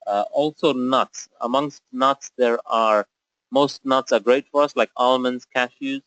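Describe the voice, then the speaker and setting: Man from Zambia as webinar presenter, mid-pitched voice, methodical explainer with "uh" fillers, close and dry. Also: steady tone, a little slow, fairly bright tone, no room sound, rough recording. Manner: explanatory, step-by-step, frequent "uh" fillers. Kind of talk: webinar lecture.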